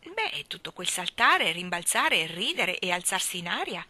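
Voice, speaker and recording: A woman reading aloud and voicing an excitable little boy with high, stretched-out exclamations. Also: unhurried, no echo, heavily acted. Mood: insistent.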